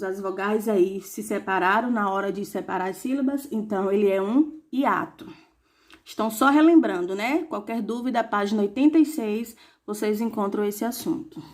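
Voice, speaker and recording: A woman teacher reviewing a lesson for young pupils, saying examples slowly and asking rhetorical questions. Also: a little high. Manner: slow, clearly spelled-out examples with rhetorical questions.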